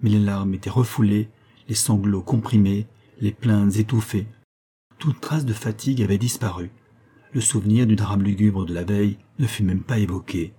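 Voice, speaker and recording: A man narrating a classic novel as an audiobook in a measured, even storytelling manner. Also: on the low side, breathy edge.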